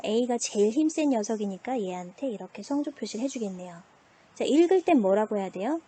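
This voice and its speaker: A woman teacher talks over her lesson slides in a slightly high, mellow voice with a husky edge. She asks the class a question and then answers it herself, at a patient pace. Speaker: Chinese language teacher. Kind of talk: online classroom lecture.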